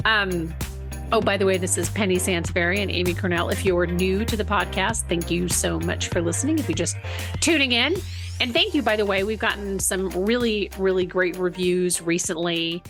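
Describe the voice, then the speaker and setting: A woman's voice: fairly low pitch, normal speed, over music. A woman co-hosting a podcast in a chatty, casual way, often restarting her sentences and laughing easily. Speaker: podcast co-host.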